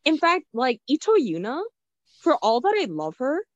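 A woman co-hosting a casual chat, opinionated and quick, on a dull lo-fi recording. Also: high voice, huge pitch swings, dry recording. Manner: opinionated, quick, laughs easily. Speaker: podcast co-host. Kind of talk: casual chat about Japanese pop music. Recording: dull lo-fi sound.

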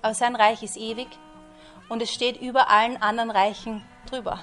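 A woman's voice: on the high side, steady tone, brisk, pushed and bright, soft background music. A woman preaching a conversational sermon who keeps asking her listeners rhetorical questions. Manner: chatty, asks listeners rhetorical questions, often says "you know".

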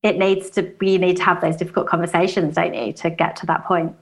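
A woman's voice: on the low side, level tone, a little fast, low-quality recording. A woman from England hosting a conversational interview, chatty and agreeing with her guest. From United Kingdom. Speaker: interview host.

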